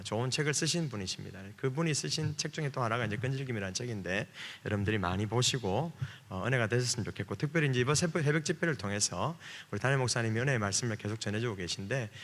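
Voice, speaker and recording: Busan-accented pastor preaching in a reverberant hall. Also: male voice, medium pitch, fast talker, few pauses, a bit bright. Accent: Gyeongsang Korean. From Busan, South Korea. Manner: chatty and joking, with many fillers. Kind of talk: sermon at a revival service. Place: church sanctuary. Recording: long hall reverb from church PA.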